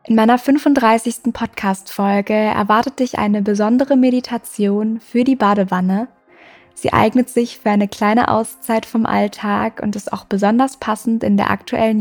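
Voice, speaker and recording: A woman hosting a meditation podcast, guiding the listener in a soft, slow, soothing way with long pauses. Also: medium pitch, steady tone. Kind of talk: guided meditation. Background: music.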